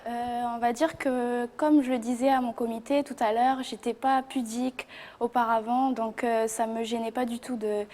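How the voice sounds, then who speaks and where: A young woman from New Caledonia, a reigning pageant winner, answering interview questions in a modest, halting way. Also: a little high, flat delivery, darkish tone. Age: young adult. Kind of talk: talk show interview.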